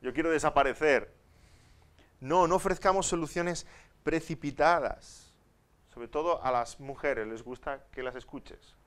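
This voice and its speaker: Man preaching with swings in loudness. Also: fairly high pitch, fairly even intonation, measured pace, clear, resonant tone. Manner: conversational, with tag questions to the audience; swings between soft asides and loud emphatic points. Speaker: pastor. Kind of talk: conference Bible teaching.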